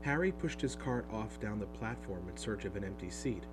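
A man narrating a storybook in an expressive, animated reading, heard over a steady hum. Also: on the low side, moderate pace, loud music behind the voice. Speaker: audiobook narrator.

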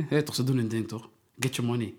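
Young guy, laid-back slangy banter with friends, talks fast. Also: mid-range voice. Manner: relaxed street slang, frequent "bro" and "toch". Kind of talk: casual chat among friends.

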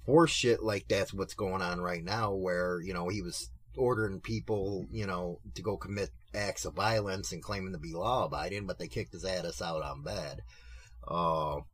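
A man with a fairly low voice hosts a casual talk show. He is opinionated, mocking and heavily profane. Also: normal speed.

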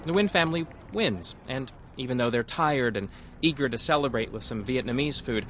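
A man's voice: medium pitch, normal speed, a bit bright, a little hiss or hum. A man reporting for public radio, moving between scripted feature narration and field interviews.

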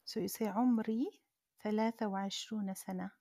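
A woman's voice: mid-range voice, steady tone, normal speed, vocal fry, warm tone, no room sound, clean studio sound. A woman hosting a live Arabic lesson in an audio chat app, patiently prompting and correcting a learner. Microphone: phone in an audio chat app.

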